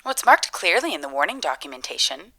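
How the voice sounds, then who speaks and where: A woman's voice: low voice, very animated, fast, vocal fry, bright, forceful tone, full character voice. A woman playing an unflappable, chipper customer service agent with scripted politeness in a comedy. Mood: polite, unfazed. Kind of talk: comedy dialogue.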